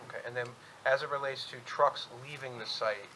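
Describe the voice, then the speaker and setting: A man speaking as an attorney at a public hearing, presenting and questioning in a halting, methodical way. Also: mid-range voice, bright, forceful tone, slight background noise, rough recording. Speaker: attorney for an applicant. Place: public board meeting room.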